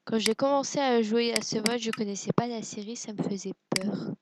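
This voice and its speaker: A woman's voice: a little high, moderate pace, noisy background. A woman giving casual gameplay commentary, hesitant and self-deprecating, musing aloud with lots of fillers. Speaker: let's play gamer.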